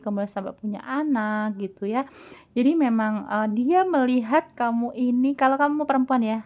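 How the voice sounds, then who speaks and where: Casting: female tarot reader, teasing and talkative, warm higher voice. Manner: chatty, teasing, laughs often. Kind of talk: casual tarot reading to viewers.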